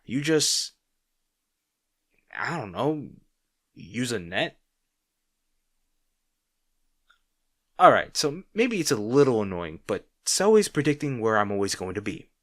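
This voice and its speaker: Unhurried, with a medium pitch and big pitch swings, this man voices a secretly fond, insecure, wry supervillain rival in a roleplay audio drama. Recorded studio-clean without echo, he talks to the listener in a halting, conversational, sardonic way, teasing and irritated.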